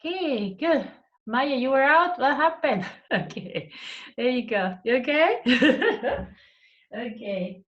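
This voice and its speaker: A woman's voice: high-pitched, big pitch swings, takes it slowly. A woman teaching an online flamenco class, chatty and encouraging as she counts out the steps. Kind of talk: online dance class instruction. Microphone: laptop mic on a video call. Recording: roomy, distant, lo-fi video call audio.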